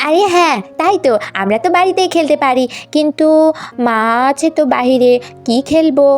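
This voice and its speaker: A woman's voice: high-pitched, animated, a little fast, soft background music. A woman voicing mischievous little twin schoolgirls who plead and whine in a puppet story. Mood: whiny. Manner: pleading, whiny, stammering.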